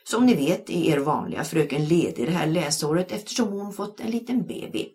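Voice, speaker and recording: A large, kindly male substitute teacher in a children's audiobook with a deep, dark voice, put on by a woman reading the story. He speaks warmly to the class and gets a little flustered. His speech swings up and down in lively curves. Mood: friendly.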